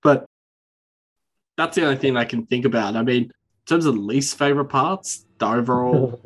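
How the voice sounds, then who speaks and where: A man's voice: medium pitch, moderate pace, breathy edge. Rambling, swearing male podcast co-host. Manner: rambling, swears, acts out quoted voices. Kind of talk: casual chat.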